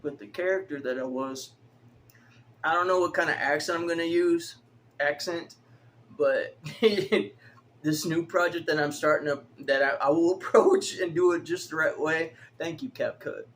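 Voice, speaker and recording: Man, early forties, vlogger talking to camera, loose profane delivery, breaks into laughter, slightly higher voice, faint background hum. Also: normal speed. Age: 40s. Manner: profane, laughs often, animated storytelling. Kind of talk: rambling casual monologue.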